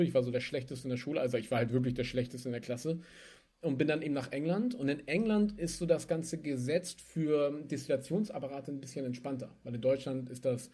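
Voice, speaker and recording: Speaking at medium pitch, a young German who runs a spirits business chats casually in an interview, telling lively stories punctuated by laughs.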